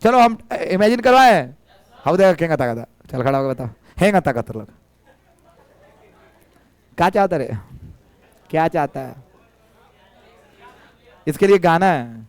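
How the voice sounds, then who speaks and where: A male physics teacher with a Bihari Hindi accent, a little hoarse, teasing and coaxing his students to answer in a live classroom lecture. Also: a little high, lively intonation, a little slow, long pauses, no room sound.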